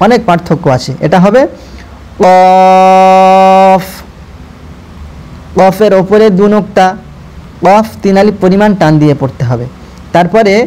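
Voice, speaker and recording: পুরুষ কোরআন শিক্ষক, প্রতিটি অক্ষর ধীরে ধীরে টেনে টেনে বারবার উচ্চারণ করে দর্শকদের ধৈর্য ধরে শেখাচ্ছেন।. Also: male voice, high-pitched, warm tone. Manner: repeats each letter slowly, drawing out vowels, patient instructive tone; addresses viewers directly, urging them to listen closely. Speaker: Quran reading teacher. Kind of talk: slow step-by-step recitation lesson.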